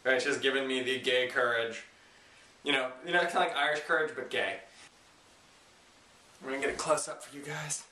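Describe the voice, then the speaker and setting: Man, challenge vlogger, informal and self-mocking, sharp bright tone, echoey room sound. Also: mid-range voice, steady tone, brisk, long pauses, slight background noise. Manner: informal, self-deprecating, joking. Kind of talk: casual chat to camera. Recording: roomy echo, distant microphone.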